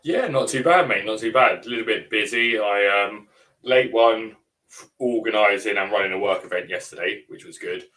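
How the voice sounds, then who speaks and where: A man's voice: fairly low pitch, normal speed, bright, forceful tone. A man co-hosting a podcast, chatting casually with a teasing, wry manner. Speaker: podcast co-host. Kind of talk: casual banter.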